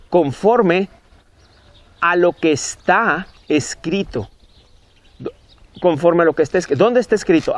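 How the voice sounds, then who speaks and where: A man teaching from the Bible, emphatic and repetitive, his voice jumping up on key words. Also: fairly high pitch. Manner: emphatic, rising on key words, repeating phrases. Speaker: preacher.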